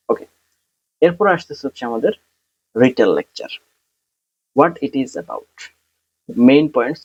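A man with a Bangladeshi accent gives an exam-prep lesson, explaining at an easy pace. He slows right down when he reads English model phrases. The sound is dry and a little dull, with no room around it. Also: mid-range voice, dry recording. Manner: explains in Bengali, reads English template phrases slowly and deliberately. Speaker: PTE exam tutor.

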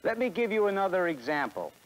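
In a 1960s promotional film, an American-accented man in his forties delivers a scripted sales presentation in a film studio beside a truck. His voice sits high and is very animated and fast, on a low-quality recording.

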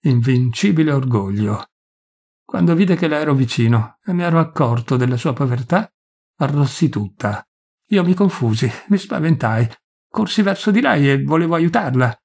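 A man's voice: a little high, lively intonation, moderate pace, creaky, darkish tone, slightly rough, full character voice. A man doing a poor, ashamed village priest. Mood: anguished. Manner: pleading, tormented, self-accusing.

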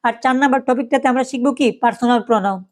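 A woman's voice: fairly high pitch, racing. A woman teaching a German lesson online in a chatty way, often saying "yes" and "so" and mixing in English words.

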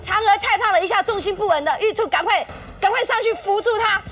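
A woman's voice: very high voice, fast, soft background music. A woman hosting a variety show, teasing her guests and narrating a comedy skit with lots of laughter. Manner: giggly, teasing, lively stage narration. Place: TV studio set. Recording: far from the mic, loud studio audience.

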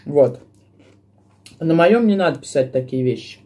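A woman's voice: low-pitched, expressive, measured pace, darkish tone. A woman vlogger chatting to her viewers while chewing her food, scolding commenters in an indignant, lecturing way. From Russia. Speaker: mukbang vlogger. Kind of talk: casual chat to viewers while eating.

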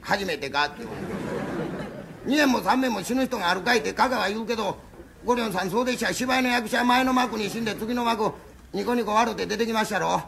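A man voicing a clumsy, dim-witted Osaka man who rambles loudly, with an Osaka accent, in rakugo storytelling. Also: high-pitched, brisk, creaky, crowd noise, noisy background, voice pushed up. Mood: rambling.

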